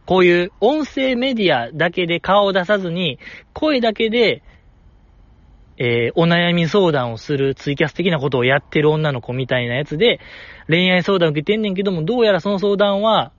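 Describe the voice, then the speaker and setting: A man hosting a podcast, chatting casually on his own in a rambling, animated way. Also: a little high, no room sound, dull audio. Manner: rambling, animated, with frequent laughs. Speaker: podcast host. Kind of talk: casual solo chat.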